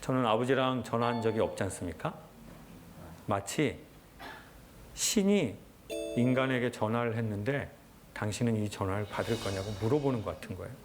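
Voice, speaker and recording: A man lecturing in an earnest, reflective way, telling a personal story in short, measured phrases. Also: on the low side, background noise. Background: background music.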